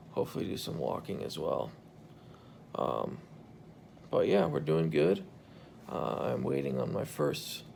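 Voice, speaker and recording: Speaking into a phone held out at arm's length, a hospital patient in his thirties keeps a casual video journal. Intubation has left his darkish voice croaky and gravelly, and his manner is weary, subdued and relieved, with a little noise in the background.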